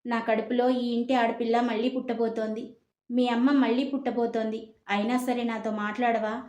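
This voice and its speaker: A woman voicing a gentle young pregnant woman who pleads softly with her brother. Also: a little high, level tone, moderate pace, reverberant, dull audio, close to an everyday voice. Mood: pleading.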